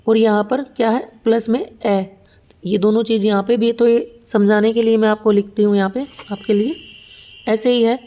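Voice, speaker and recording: A young woman teaches Hindi grammar for exam preparation, walking through each example step by step and checking often that students follow. Her voice sits a little high but sounds soft and mellow rather than bright. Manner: patient, explains step by step with repeated checks. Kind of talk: exam-prep lesson at a whiteboard.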